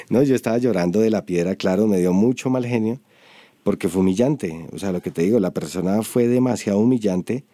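A storyteller telling a personal story in an interview, soft and reflective with hesitant pauses. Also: male voice, fairly low pitch, no room sound.

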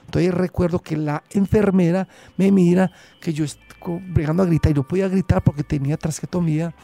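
Gravelly, dark-voiced Colombian man. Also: high-pitched, steady tone, soft background music. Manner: halting, with restarts and acted quotes. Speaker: interviewee. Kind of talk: personal storytelling.

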